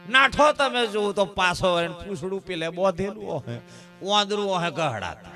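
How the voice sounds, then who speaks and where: A bhajan satsang preacher with a Gujarati accent delivers a folk sermon at a village religious gathering, his voice high-pitched and his pace moderate, with faint music in the background. He is animated, tells stories, and fires rhetorical questions at the crowd, calling them "saheb" and "bap".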